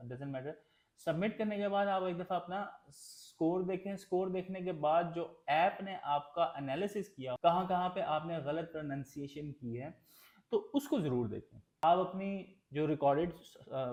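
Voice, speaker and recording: उर्दू मिश्रित अंग्रेज़ी बोलता ट्रेनर, गूँजता कमरा. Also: male voice, fairly high pitch, darkish tone, roomy sound. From Pakistan. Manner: explains plainly with many fillers and restarts, mixing English into Urdu. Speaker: English test trainer. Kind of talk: Urdu-English tutorial lesson.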